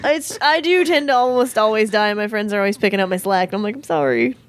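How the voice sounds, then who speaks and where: A woman's voice: medium pitch, animated, quick pace. A woman chatting casually as a guest, giggly and self-deprecating. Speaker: podcast guest. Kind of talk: casual chat.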